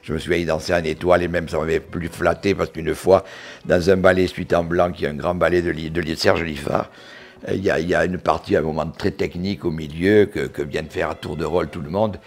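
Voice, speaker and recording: A man in his eighties with a southern French accent from Montauban, reminiscing in an interview, often halting and repeating words as he recalls. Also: deep voice, fairly even intonation. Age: 80s. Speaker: interviewee, retired dancer.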